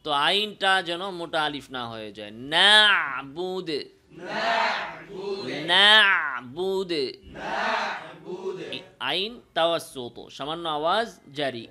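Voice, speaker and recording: A man with a Bangladeshi Bengali accent teaching Quran pronunciation, stretching out each sung example and explaining quickly in between. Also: a little high, animated, noisy background. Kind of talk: tajweed pronunciation lesson.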